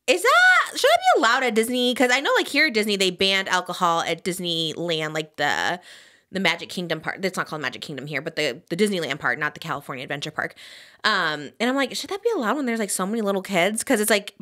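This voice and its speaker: A young adult woman hosting a podcast in casual chat, animated and full of "like" and "literally". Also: on the low side. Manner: animated, says "like" and "literally" often. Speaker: podcast host.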